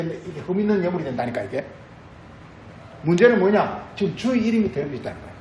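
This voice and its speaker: A man's voice: high voice, roomy sound, slight background noise, rough recording. A male pastor giving a sermon, repeating phrases and asking the congregation questions. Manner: repetitive, asks the congregation questions.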